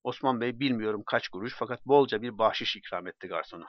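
A man narrating a story in a measured, plain way and acting out the dialogue. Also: lowish voice, dry recording. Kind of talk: audiobook narration. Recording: dull dry recording.

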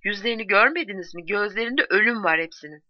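A woman's voice: mid-range voice, lively intonation, fast, dry recording, muffled recording, natural voice. A woman voicing a frantic young village postwoman in a read-aloud novel, pleading and insistent. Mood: frightened. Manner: urgent, insistent, rising to cries.

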